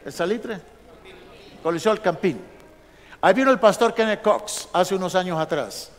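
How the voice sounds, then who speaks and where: A male pastor telling a lively story in a sermon, acting out the dialogue of the people in it. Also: high-pitched, moderate pace. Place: large church sanctuary. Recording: long church hall reverb.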